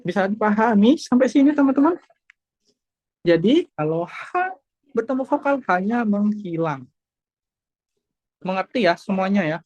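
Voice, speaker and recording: A woman's voice: medium pitch, sing-song, unhurried, pauses often, darkish tone, no room sound. Patient woman teaching over video call. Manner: patient, repeats points and checks understanding. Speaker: Korean language teacher. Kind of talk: online class lesson.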